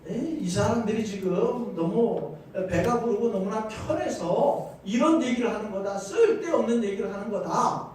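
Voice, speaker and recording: A man's voice: sits high, normal speed, darkish tone, a little hiss or hum, lightly acted. Man playing a sneering king, scornful, dismissive, echoey far-off room. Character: Pharaoh, scornful disbelieving king. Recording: echoey church hall, distant mic.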